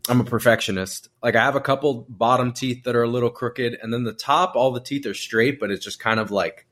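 A man's voice: medium pitch, steady tone, brisk, fairly bright tone. A man hosting a podcast in casual chat, speaking with a slight lisp from new teeth aligners and often rambling and restarting his sentences. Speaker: podcast host.

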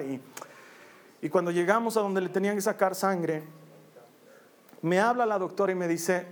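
A man, preaching a personal testimony in an earnest storytelling manner, slowing down on key phrases. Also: high-pitched.

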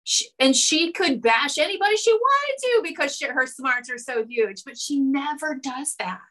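Woman on a podcast, chatty, talks things through out loud. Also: sits high, animated. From New Jersey. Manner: chatty, quick to agree, self-correcting. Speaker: podcast guest, hair educator. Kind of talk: casual podcast chat.

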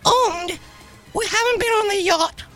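A man doing a piercing falsetto wife impression, full of indignant grievances and broken grammar. The voice is very high and bright, with a put-on foreign lilt. Music plays softly under the radio bit. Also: a little slow, full character voice. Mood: complaining. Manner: complaining, broken grammar, mock-serious. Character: high-voiced woman, a famous model's impression, angry wife.

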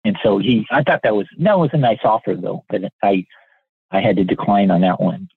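Older man in his sixties, husky voice, tinny phone-like sound, dry, earnest storyteller, stumbles and restarts. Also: fairly low pitch, fairly quick, no room sound. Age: 60s. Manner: earnest, polite, repeats words as he restarts sentences. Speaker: podcast guest. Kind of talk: casual anecdotal storytelling.

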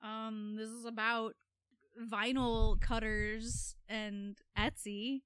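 A woman's voice: fairly high pitch, little pitch movement, takes it slowly, a bit bright, smooth, dry recording. A woman co-hosting a podcast in casual comic banter, exaggerating dramatically for the joke. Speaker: podcast co-host.

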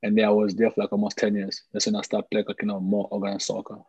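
Low-ish and completely flat in delivery, a fast-talking Congolese man in his twenties is interviewed as a soccer player, with a crowd audible behind the muffled recording. Originally from the DRC and later Malawi, he speaks with a Congolese accent, answering casually and repetitively, full of "like" and "you know."

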